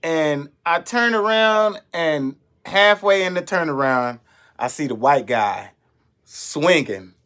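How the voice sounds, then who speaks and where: A young adult man, a comedian, telling a story in an animated, profane way and acting out the voices of the people in it. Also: fairly high pitch, takes it slowly, smooth. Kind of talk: storytelling monologue.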